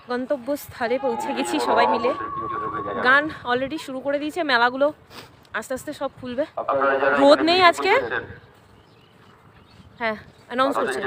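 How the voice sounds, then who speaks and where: A high-voiced woman chats straight into her phone, teasing the people around her. She sounds excitable and casual. A busy crowd hums behind her at the open-air picnic ground. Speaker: vlogger. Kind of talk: casual vlog narration. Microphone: handheld phone.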